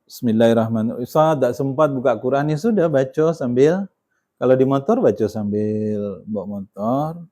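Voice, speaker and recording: A man delivers a Quran study talk. He speaks in a chatty, engaging way, checking in with listeners through tag questions. His pitch jumps sharply on key points. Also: normal speed. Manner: conversational, tag questions, animated emphasis. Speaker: Islamic preacher.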